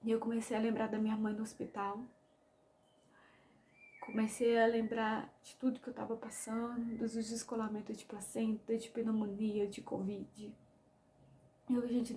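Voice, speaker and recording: A young Brazilian woman tells her own story straight to her viewers, speaking with feeling and calling out to them often. Her voice sits a touch high but sounds mellow and warm. A faint hiss runs under the recording. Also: little pitch movement, moderate pace. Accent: Brazilian Portuguese. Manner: emotional storytelling, addresses viewers as "gente". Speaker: vlogger. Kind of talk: personal testimony to camera.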